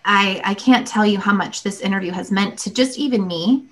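A woman's voice: mid-range voice, normal speed. A woman podcast host chatting with her guest over a video call, effusive and gushing with praise. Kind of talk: casual interview chat.

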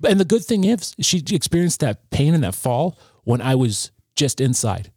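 A man in his thirties, a podcast guest, telling a personal story in an earnest, halting way with frequent restarts. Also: medium pitch, very animated, darkish tone, husky, dry recording, studio quality.

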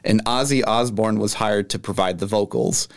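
A man co-hosting a film review podcast, sharing trivia in a relaxed way with lots of "um"s. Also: fairly low pitch, normal speed, gravelly. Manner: relaxed, filler-heavy, reading out trivia. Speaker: podcast co-host. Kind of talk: casual film review chat.

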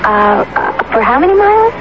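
A man playing a bewildered, hesitant, sceptical car customer with halting questions in a comic radio advert. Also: very high voice, very animated. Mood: puzzled, doubtful. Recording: noisy, muffled 1970s radio advert.

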